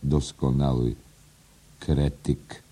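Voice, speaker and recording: A man's voice: very deep voice, flat delivery, very slow, mellow, husky, full character voice. A man voicing a pompous, mocking male professor in an audiobook, speaking with mock dignity.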